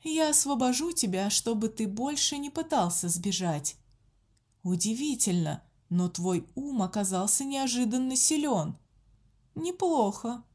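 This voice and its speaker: A woman's voice: on the high side, darkish tone, voice pushed up. A woman doing a cruel taunting sorcerer-nun. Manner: cold, mocking, taunting.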